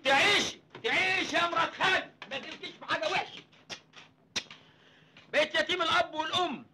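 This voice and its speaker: A cheeky starving egyptian nephew, high bright fast joking, old film hiss. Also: male voice. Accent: Egyptian Arabic. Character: cheeky hungry young country nephew, wisecracking. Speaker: nephew, poor orphaned villager. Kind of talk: 1980s film comedy acting.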